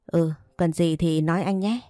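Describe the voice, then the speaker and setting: Caring man, read by a woman, gentle, reassuring, low voice, dry close sound. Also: steady tone, normal speed, no room sound, lightly acted.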